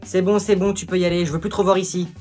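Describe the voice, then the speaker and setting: A woman's voice: lowish voice, steady tone, racing, a little mellow, faint music behind, natural voice. A woman voicing a stern, sarcastic school principal confronting a student.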